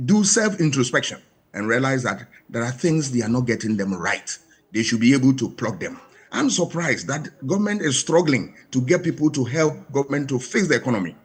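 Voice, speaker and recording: A man's voice: mid-range voice, slightly rough. A man with a Ghanaian English accent, a panel guest giving emphatic commentary full of rhetorical questions.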